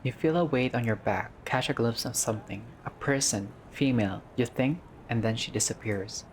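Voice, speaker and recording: In a noisy recording, a casual gamer reads visual novel text aloud at normal speed with a medium-pitched voice, reacting along the way in let's-play fashion. The tone is informal, with swearing and stumbles over the words.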